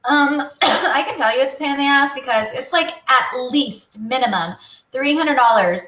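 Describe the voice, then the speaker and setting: A woman's voice: high voice, normal speed, bright, forceful tone. A woman co-hosting a show in casual chat, talking informally and peppering her sentences with "like". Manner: informal, chatty, frequent "like". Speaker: show co-host. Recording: roomy echo.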